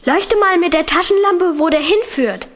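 An actress playing an eager, observant young sister on an adventure in a children's audio drama, speaking earnestly and clearly. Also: female voice, very high voice, moderate pace, slight background noise. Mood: curious, excited.

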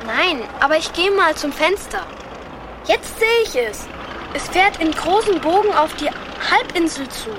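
An actress playing an eager, observant young sister on an adventure in a children's audio drama, speaking earnestly and clearly. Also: female voice, very high voice, animated, unhurried, noisy background. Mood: alert, eager.

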